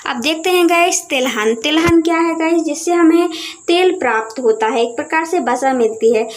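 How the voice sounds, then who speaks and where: A woman's voice: sits high, moderate pace. A woman teaching a school lesson over a map, asking questions and answering them herself, often calling her viewers guys. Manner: keeps addressing viewers as guys.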